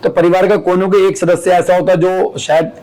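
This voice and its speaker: High-voiced man explaining patiently. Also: little pitch movement, brisk, darkish tone, low-quality recording. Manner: explains with everyday family and school examples. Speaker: astrologer guest. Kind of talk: conversational podcast explanation.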